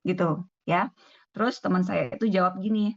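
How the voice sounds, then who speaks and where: A woman's voice: fairly low pitch, normal speed, no room sound. A woman doctor with an Indonesian accent telling a story on a video call and acting out the dialogue. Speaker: doctor giving a talk. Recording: dull lo-fi video call audio.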